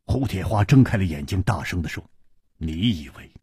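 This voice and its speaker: A man narrating a traditional story with dramatic, measured delivery. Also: sits low, animated, creaky, darkish tone, husky, no echo, studio quality.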